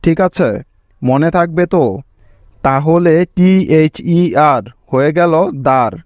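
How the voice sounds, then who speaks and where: A man's voice: on the high side, slow pace, darkish tone, no echo. A man teaching English spelling step by step, patiently breaking each word into sounds and checking in with his students. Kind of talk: slow step-by-step spelling lesson.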